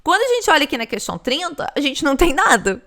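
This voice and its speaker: Brazilian woman teacher, fairly high and bright, clear delivery, patient explainer who keeps checking in with the viewer. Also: sing-song, quick pace. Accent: Brazilian Portuguese. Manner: explanatory, repeats points, many "né" and "tá". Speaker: English test teacher. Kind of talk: recorded lesson explanation.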